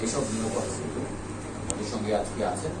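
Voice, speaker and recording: Male live TV presenter, Bangladeshi accent, slightly deep, roomy pickup, very noisy setting. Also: brisk. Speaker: programme host. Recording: echoey, distant mic, loud noisy background.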